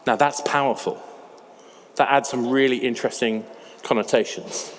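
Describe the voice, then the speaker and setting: A man's voice: mid-range voice, steady tone, normal speed, a little hiss or hum. Man giving a talk in a hall. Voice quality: slightly raspy. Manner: conversational, emphatic, with fillers. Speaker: conference speaker. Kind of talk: conference talk. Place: large conference hall. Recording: reverberant hall with faint ambience.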